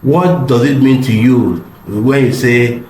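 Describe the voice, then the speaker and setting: A middle-aged man, slightly hoarse from a cold, gives an earnest online customer service seminar, repeating words for emphasis. His mid-range voice is slow and darkish in tone. The low-quality recording has a roomy sound.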